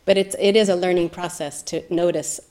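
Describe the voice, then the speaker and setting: A woman giving a reflective meditation talk, soft-spoken and thoughtful with gentle laughter. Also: lowish voice, steady tone, a little fast. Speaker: meditation teacher.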